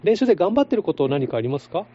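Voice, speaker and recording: A radio host gently interviewing schoolchildren over the phone, asking simple questions and nodding along with short backchannels. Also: mid-range voice, very animated, rapid-fire, dull audio, a little hiss or hum. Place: radio studio.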